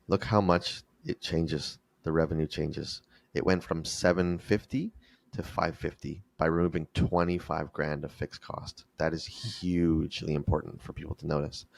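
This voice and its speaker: A man's voice: rumbling low, vocal fry, dry recording. A man explaining financial figures step by step, in a didactic interview style. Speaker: finance expert guest, fractional CFO. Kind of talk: explanatory interview talk with numbers.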